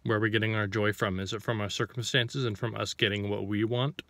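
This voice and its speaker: A man's voice: fairly low pitch, fairly even intonation, fairly quick, a bit bright, dry recording. A man giving an informal sermon to the camera, reading scripture and then explaining it with rhetorical questions and a few restarts as he searches for words.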